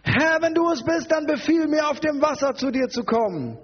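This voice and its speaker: A male preacher voicing the apostle Peter as a doubting, pleading man, drawn out slowly. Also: expressive, big-room sound, highs cut off. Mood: whiny doubting. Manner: slow, drawn-out, high whiny delivery. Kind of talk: mocking re-enactment in a sermon.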